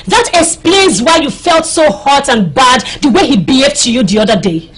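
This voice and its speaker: A woman's voice: high voice, lively intonation, moderate pace, a bit bright, breathy edge, soft background music, heavily acted. A teasing young village woman. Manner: playful, teasing and insistent.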